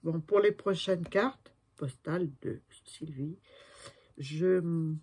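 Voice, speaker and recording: A woman's voice: fairly low pitch, takes it slowly, darkish tone, breathy edge. A woman in her sixties chatting through a crafting tutorial, talking to herself as she works and often trailing off to a murmur. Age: 60s. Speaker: crafting video maker.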